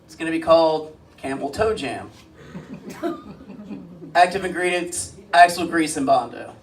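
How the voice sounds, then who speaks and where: A man doing a stand-up comedy set with deadpan one-liners and crude jokes, on a comedy club stage. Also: a little high, unhurried. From Springfield, US. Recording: live club mic heard from a distance, light noise.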